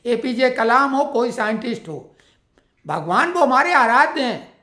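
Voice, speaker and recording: A woman's voice: a little high, lively intonation, measured pace, sharp tone. A woman delivering an opinionated monologue as a political commentator, building her points through a string of pointed rhetorical questions. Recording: roomy echo.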